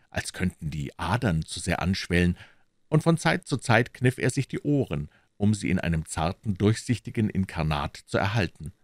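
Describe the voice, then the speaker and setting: A man reading a classic novel aloud as a narrator, calm and measured. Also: low-pitched, no echo, studio quality. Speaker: audiobook narrator.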